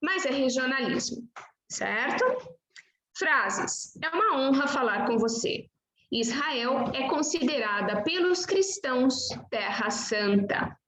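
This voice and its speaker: A woman with a Brazilian Portuguese accent teaches pronunciation at a deliberately slow pace, sounding out each example word with care. Her voice sits a little high. It is recorded in an echoey room with a faint hiss behind it. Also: animated, a bit bright. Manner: over-articulates example words one by one. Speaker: language teacher. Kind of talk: slow, careful pronunciation lesson.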